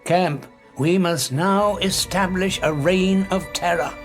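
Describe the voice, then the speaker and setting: A man playing a menacing, paranoid megalomaniac scientist who has turned invisible, grandiose and deliberate in an audio drama. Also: high-pitched, over music. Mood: grandiose menace.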